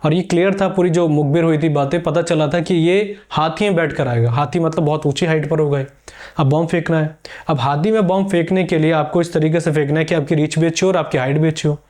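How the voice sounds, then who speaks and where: Storytelling male history teacher, higher voice. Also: darkish tone. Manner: storytelling, explanatory, answers viewer questions. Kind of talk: exam-prep history lesson.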